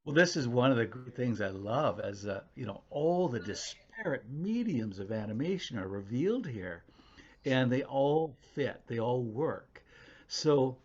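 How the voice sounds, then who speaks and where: A man's voice: mid-range voice, slightly rough, highs cut off. A man interviewing a filmmaker, asking long, thoughtful, winding questions.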